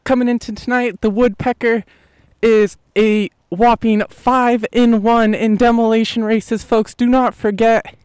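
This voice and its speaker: A man putting on a high, hyped monster truck announcer. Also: flat delivery, darkish tone, smooth, dry recording. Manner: drawn-out, booming showman hype. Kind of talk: improvised announcer role-play.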